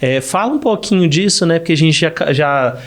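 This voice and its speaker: A man's voice: a little high, animated, fairly quick. A Brazilian man, a psychologist hosting a podcast, talking casually with hesitant restarts.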